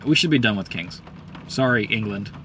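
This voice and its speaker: A man giving a casual, profane, heated commentary, rambling with many fillers and swinging up in pitch when worked up. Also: animated, normal speed, fairly bright tone, a little hiss or hum. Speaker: host.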